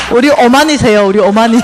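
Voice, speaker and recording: A middle-aged woman with a Gyeongsang accent, telling stories in a church seminar and acting out the dialogue with big jumps in pitch and volume. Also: noisy background. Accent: Gyeongsang Korean. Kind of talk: lively storytelling lecture. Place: church lecture hall.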